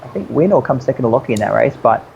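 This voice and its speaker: A man's voice: mid-range voice, expressive, rapid-fire, creaky, a little mellow, dull audio, slight background noise. A man chatting casually as a guest, telling stories in an easygoing, rambling, slangy way. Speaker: interview guest, obstacle racer. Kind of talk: casual storytelling chat.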